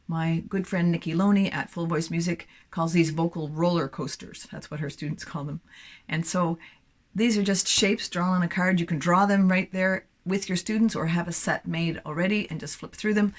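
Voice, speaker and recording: A middle-aged woman teaching an elementary music lesson, speaking clearly and in a friendly way. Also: fairly low pitch. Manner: clear, friendly classroom delivery. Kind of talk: teaching demonstration.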